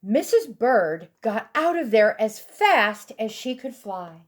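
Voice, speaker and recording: A woman reading a children's storybook aloud expressively, with deliberate, dramatic emphasis for young listeners. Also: a little high, big pitch swings. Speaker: storybook reader.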